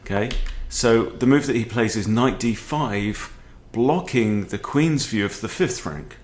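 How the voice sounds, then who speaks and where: This forties-aged man commentates on a chess game for his video in a relaxed, chatty way, often pausing for quick check-in questions. He speaks a little slowly in an animated, medium-pitched voice, indoors in a book-lined room at home.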